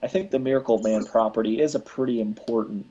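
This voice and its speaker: A man's voice: medium pitch, fast, mellow, slightly rough, muffled recording. A man hosting a casual live podcast, rambling with many restarts. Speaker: podcast host.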